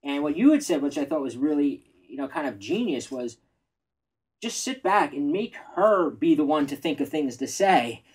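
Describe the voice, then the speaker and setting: A man giving dating advice in a measured, reflective casual chat. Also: fairly high pitch, big pitch swings, breathy edge, rough recording. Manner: measured, reflective, self-disclosing. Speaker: dating coach.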